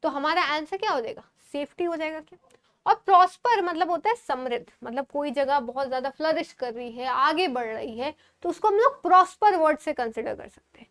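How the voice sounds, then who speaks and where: Very high-voiced woman teacher. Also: a little fast, fairly bright tone. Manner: asks questions and answers them herself; affectionately calls students babu. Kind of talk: exam-prep lesson.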